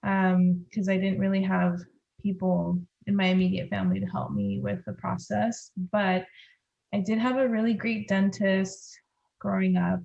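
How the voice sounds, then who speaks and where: On slightly dull lo-fi audio, a woman from Los Angeles with a Californian accent, a pediatric dentist, chats casually as a podcast guest. She speaks a little slowly with a flat delivery, vocal fry, and a slightly mellow, mid-range voice.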